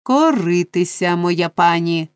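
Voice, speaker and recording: A woman voicing a pompous, domineering middle-aged male parish beadle in an audiobook, blustering and self-important with drawn-out emphasis. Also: medium pitch, animated, darkish tone, no echo, clean studio sound, close to an everyday voice. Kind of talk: audiobook character reading.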